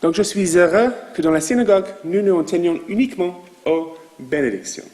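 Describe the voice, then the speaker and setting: A man with a non-native accent in French, a rabbi giving a sermon to his congregation in a slow, measured way with asides to the listeners. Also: sits high, darkish tone, in a large hall. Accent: foreign accent in French. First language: not French. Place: synagogue.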